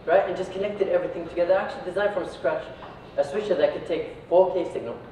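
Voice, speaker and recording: This man talks fast in a high, mellow voice, giving an informal talk to an audience as a company founder from Iraq. He keeps checking in with quick tags such as "right" and "yeah." Captured at a distance in an echoey room indoors, the recording is dull with faint noise.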